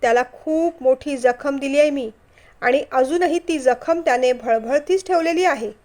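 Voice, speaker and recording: An ailing older man who talks quietly and regretfully about an old friend, as a woman narrator puts him on. The voice stays soft and mild. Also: high voice, a little slow. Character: older ill man, loyal and gentle, coughing.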